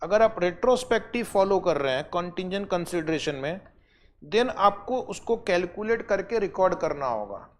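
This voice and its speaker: A man from India giving an accounting exam revision lecture, explaining step by step, asking students rhetorical questions and slowing down to dictate definitions. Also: high-pitched, animated.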